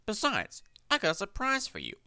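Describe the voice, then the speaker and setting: A man's voice: high-pitched, huge pitch swings, normal speed, sharp tone, no echo, clean studio sound, pitched above the performer's own voice, full character voice. A man voicing a strict but kind male railway manager in a storybook reading, speaking sternly. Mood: kindly. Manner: stern, clipped.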